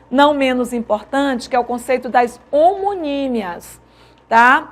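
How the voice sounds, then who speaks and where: A woman teacher with a Brazilian Portuguese accent, giving a grammar lecture and checking often that her students follow. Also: a little high. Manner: explanatory, with frequent checking tags; stretches out example phrases slowly.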